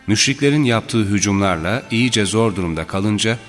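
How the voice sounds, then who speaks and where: Man, deep voice, solemn measured reading, religious history narration, reverberant sound. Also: expressive. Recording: reverberant with faint background music.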